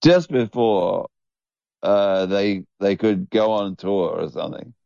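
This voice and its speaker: A man's voice: on the low side, slow pace, vocal fry, mellow, no room sound, muffled recording. A man in his fifties co-hosting a casual podcast, stammering and repeating words as he trails off. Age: 50s. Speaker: podcast co-host. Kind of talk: casual chat.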